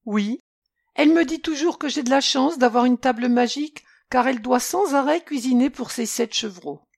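A woman voicing a hungry, quick-tempered male ogre in a storybook reading, demanding and threatening. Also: high-pitched, creaky, pitched above the performer's own voice. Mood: complaining.

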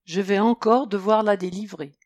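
A woman voicing a clever young male detective prince in a storybook reading, calm and inquisitive. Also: mid-range voice, normal speed, no echo, natural voice.

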